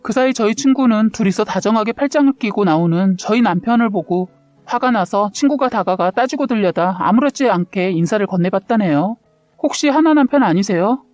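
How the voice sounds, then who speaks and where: Woman storyteller, steady and confessional; dry close sound, soft music underneath. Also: medium pitch, fairly quick, dry recording. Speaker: story narrator. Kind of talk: read-aloud true story narration.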